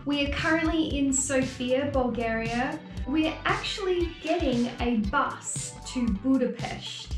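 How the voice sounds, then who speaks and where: A woman's voice: high voice, slow, hardly any pauses. A young Australian woman co-hosting a casual travel vlog, cheerful and laughing along. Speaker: travel vlogger. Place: apartment room. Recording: roomy sound with music.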